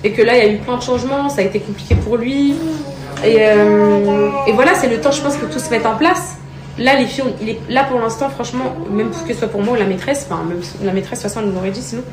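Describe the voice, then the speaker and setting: A woman vlogging at home in a tender, chatty way, talking softly to her child and then to her followers. Her voice sits a little high and is caught from some distance. The room echoes, with steady noise behind her. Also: fast talker. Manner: tender, heaps pet names on her children. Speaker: mother and vlogger. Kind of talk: casual vlog talk. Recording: roomy and noisy, from a distance.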